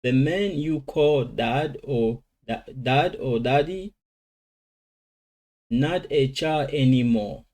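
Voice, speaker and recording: Man slowly drilling English vocabulary. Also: mid-range voice, a little mellow. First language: Lingala. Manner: switches between languages, slow drilling of English words. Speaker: language teacher. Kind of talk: informal vocabulary lesson.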